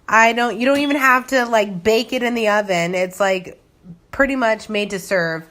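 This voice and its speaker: A woman's voice: mid-range voice, a bit bright. A tipsy woman giving a loose, rambling cooking vlog, thinking aloud in a casual way. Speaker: home cook hosting a cooking video. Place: home kitchen.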